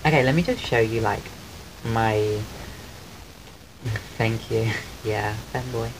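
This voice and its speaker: Soft-voiced man chatting on a noisy stream. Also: lowish voice, slow pace. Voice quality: soft voice often mistaken for a woman's on the phone. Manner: chatty and rambling, thanks viewers while eating. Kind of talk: casual live-stream chat. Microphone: desk microphone. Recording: clear background noise on the stream mic.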